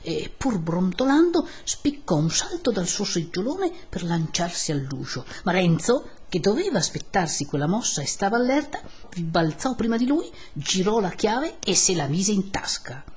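Husky-voiced woman reading a classic novel. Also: mid-range voice. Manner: measured, expressive storytelling. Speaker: narrator. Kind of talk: literary audiobook reading.

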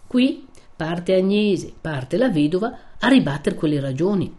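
A woman reading a classic novel aloud in a measured, expressive storytelling manner. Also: lowish voice. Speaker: narrator.

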